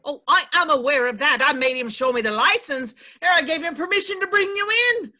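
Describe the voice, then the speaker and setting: In a stage play table read, a woman voices a crotchety middle-aged landlady, high, piercing and sharp, speaking fairly quickly. Nosy and pushy, she scolds in folksy, old-fashioned dialect, turning between menacing and coy. The audio is dull and muffled, like a video call.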